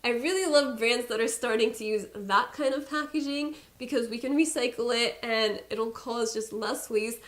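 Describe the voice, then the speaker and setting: A young woman vlogging about beauty in a loose, chatty way, her voice sitting a little higher than most. She talks straight to her viewers with candid, playful emphasis and laughs at herself now and then. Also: normal speed, few pauses, a bit bright. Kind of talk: casual chat to camera.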